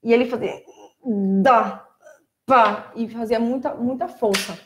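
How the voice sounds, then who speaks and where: Brazilian woman, speech therapist, casual live-stream talk, explanatory, animated mimicking. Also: fairly high pitch, a little fast, background noise. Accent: Brazilian Portuguese. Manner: explanatory, animated when imitating children.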